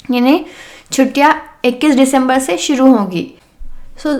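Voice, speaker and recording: A woman with an Urdu accent teaching an English grammar lesson, explaining step by step and reading example sentences slowly and deliberately. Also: sits high. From South Asia. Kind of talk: language lesson.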